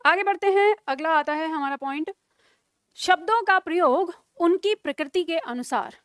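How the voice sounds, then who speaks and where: A woman teacher giving a grammar lesson, dictating example sentences slowly word by word and often checking whether her class has understood. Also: very high voice, lively intonation, fairly bright tone, no echo, clean studio sound. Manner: slow dictation with repeated words, checking questions.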